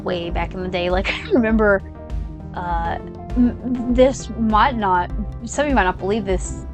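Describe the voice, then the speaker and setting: While playing a video game, a young woman who hosts a gaming channel chats casually in an unhurried, medium-pitched voice. She rambles, full of fillers and side tangents, with game music in the background.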